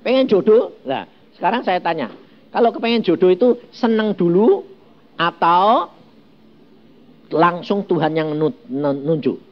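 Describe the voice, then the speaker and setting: Animated preacher, wide-swinging high voice. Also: male voice, a little slow, long pauses, muffled recording. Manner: animated preaching, rhetorical questions to the congregation. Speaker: pastor. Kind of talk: sermon.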